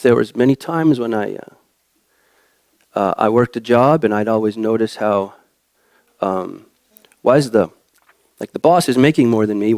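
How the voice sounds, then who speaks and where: A young adult man preaching a church sermon in a halting way, with many fillers and restarts. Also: medium pitch, darkish tone, no echo.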